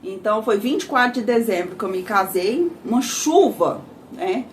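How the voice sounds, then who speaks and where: A woman's voice: medium pitch, expressive, normal speed, slight background noise. A Brazilian woman telling her personal testimony in a conversational, emotional way, often adding little tags like "né" and "sabe". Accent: Brazilian Portuguese.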